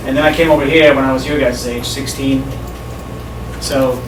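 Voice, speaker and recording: A middle-aged Swedish man tells students a personal story at a school assembly, speaking in a relaxed, conversational way and addressing the audience directly. His voice is medium-pitched and moderately paced. Recorded from a distance in a roomy school hall, the audio is echoey and the room is noisy.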